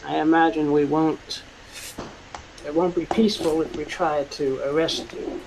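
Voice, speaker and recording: A man game-mastering a tabletop role-playing session in a fairly high, creaky voice. He speaks slowly and haltingly, searching for words as he improvises. There is faint noise behind him. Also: steady tone, a little mellow, low-quality recording.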